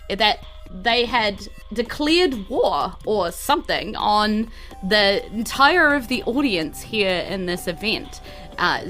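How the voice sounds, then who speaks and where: Here the New Zealand woman chats in a bubbly, expressive way while hosting and game-mastering a live tabletop show. Her voice is mid-range, and the audio is poor.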